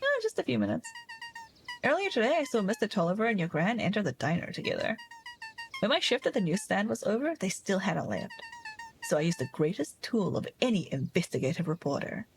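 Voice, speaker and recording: A woman voicing a nosy young girl who plays investigative reporter, telling her story in a quick, conspiratorial way. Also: mid-range voice, wildly swooping pitch, soft background music.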